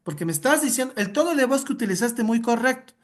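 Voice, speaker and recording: A woman's voice: fairly high pitch, expressive, fast talker. A woman instructor leading an interactive online lesson over a video call, direct and coaching.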